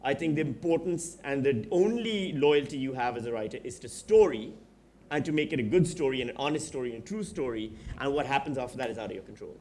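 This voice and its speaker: A man's voice: medium pitch, lively intonation, fast, a little mellow, a little hiss or hum. A man in his forties from Pakistan, speaking as a panelist at a live festival discussion, reflective and frank with dry asides. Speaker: panelist, writer and comedian. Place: festival stage before an audience.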